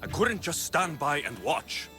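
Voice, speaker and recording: A calm, wry male Greek warrior answers in dry, measured lines. His pitch moves in a lively way, with game music clearly behind.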